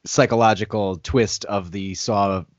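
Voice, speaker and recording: A man's voice: fairly low pitch, fairly even intonation, a little slow, no echo, dull audio. Easygoing man chatting over a video call. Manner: easygoing, laughs easily. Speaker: podcast co-host. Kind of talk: casual chat.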